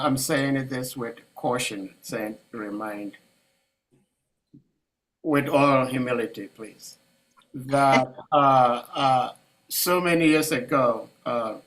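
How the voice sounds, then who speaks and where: A man's voice: medium pitch, fairly bright tone, low-quality recording. A man moderating an online devotional discussion, speaking humbly and carefully with many fillers over a video call. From Ghana.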